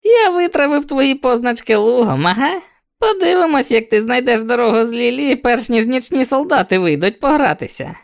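A man voicing a spiteful tiny male creature with a shrill, screeching, mocking voice. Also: very animated, moderate pace, full character voice. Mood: taunting. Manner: jeering, mocking.

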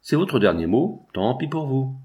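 A man's voice: medium pitch, big pitch swings, moderate pace, dark tone, close to an everyday voice. A man reading as a wheedling old deputy. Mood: insistent. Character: aging scheming provincial male deputy.

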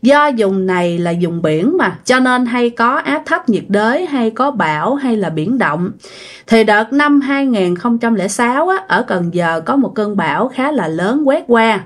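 A woman's voice: on the high side, lively intonation, measured pace. A woman telling a ghost story in a chatty, folksy way. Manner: chatty, folksy, acts out quoted voices. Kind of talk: casual ghost story narration.

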